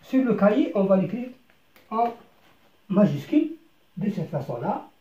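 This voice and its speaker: Language teacher, slow syllable-by-syllable delivery, repeats words, lively rising and falling pitch, mellow tone. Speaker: French teacher. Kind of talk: beginner language lesson, switching between French and Arabic. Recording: roomy, slightly dull recording.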